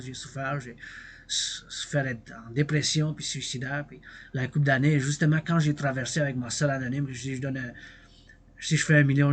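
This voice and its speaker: A husky, medium-pitched voice belongs to a vlogger from Quebec with a Québécois accent. On his livestream he rambles in both French and English, repeating things and occasionally singing.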